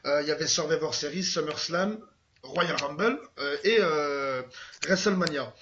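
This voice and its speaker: A man's voice: on the high side, moderate pace, fairly bright tone, slight background noise. A man on a casual podcast, recounting history in a loose, chatty way. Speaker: podcast guest. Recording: dull lo-fi sound.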